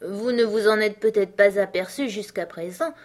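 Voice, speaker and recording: A woman's voice: medium pitch, moderate pace, voice pushed up, lightly acted. A woman voicing a timid, polite young girl who talks hesitantly in an audiobook. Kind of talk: audiobook character reading.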